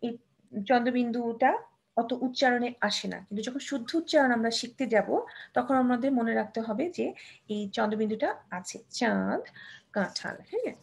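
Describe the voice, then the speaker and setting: High, gravelly-voiced woman teaching Bangla. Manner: patient, models words slowly, mixes in English terms. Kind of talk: children's language lesson.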